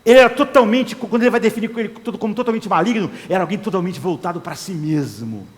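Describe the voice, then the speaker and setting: A man's voice: sits high, quick pace. A man preaching an impassioned sermon, acting out the inner voices of desire. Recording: long hall reverb.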